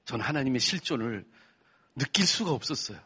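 A man from Korea preaching a sermon testimony, telling his story with strong emotion and sudden loud outbursts. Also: medium pitch, big pitch swings, fairly quick, husky.

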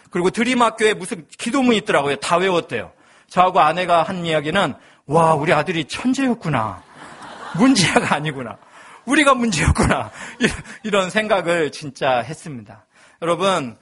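A man's voice: sits high, a bit bright, breathy edge. A male pastor in his thirties, preaching a sermon with humorous personal storytelling.

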